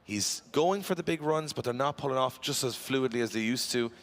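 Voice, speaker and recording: A man's voice: medium pitch, a little fast, a bit bright. A man giving live drift commentary, chatty and bantering with his co-host.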